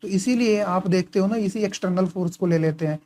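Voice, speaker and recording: A male engineering tutor walks through course material in a relaxed, conversational lecture, his voice mellow and dark. He poses questions and answers them himself, adding quick check-ins while he writes on and highlights his notes.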